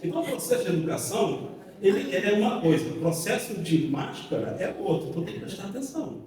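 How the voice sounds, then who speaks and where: A man's voice: high voice, big pitch swings, fast, darkish tone. A man with a Brazilian accent giving an informal seminar talk, chatty and joking, with slang. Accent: Brazilian Portuguese. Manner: chatty and jokey, uses slang, acts out little quotes. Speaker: seminar speaker. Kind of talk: informal lecture. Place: large hall before an audience. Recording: echoey hall, far from mic.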